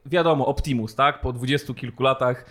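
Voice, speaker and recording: A man's voice: medium pitch, a little fast, a bit bright. A man co-hosting a casual podcast discussion, talking in an indignant, emphatic, colloquial way. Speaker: podcast co-host.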